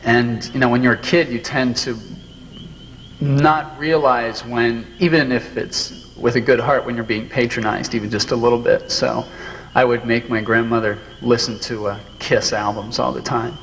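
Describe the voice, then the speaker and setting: A man's voice: mid-range voice, normal speed, a little hiss or hum. Man reminiscing in a reverberant room. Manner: relaxed, rambling recollection. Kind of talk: casual reminiscing interview.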